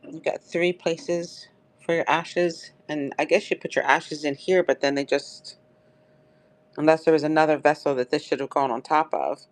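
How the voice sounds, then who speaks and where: A woman runs a live online pottery auction as a live-stream seller, chatty and upbeat, calling viewers by name. Her throat sounds dry and crackly, and her low voice moves at a normal speed with fairly even intonation.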